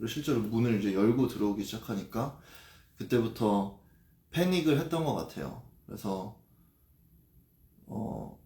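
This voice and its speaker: A man talks slowly and haltingly into a livestream, pausing often between words. His voice sits low and mellow, and the room around him rings with echo. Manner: halting and hesitant, with many pauses and fillers. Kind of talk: confessional livestream talk.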